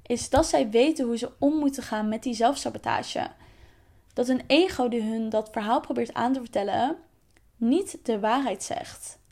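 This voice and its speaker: Emphatic woman coaching, gravelly edge. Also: fairly high pitch, darkish tone. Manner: emphatic, direct, addresses listener as you. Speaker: life coach and podcast host. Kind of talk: scripted motivational podcast monologue.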